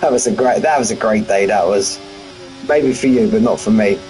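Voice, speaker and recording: A man's voice: lowish voice, normal speed, a little mellow, soft background music, poor audio. A man giving live race commentary on a stream from his front room at home, chatty and full of banter with his viewers. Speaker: sim racing commentator.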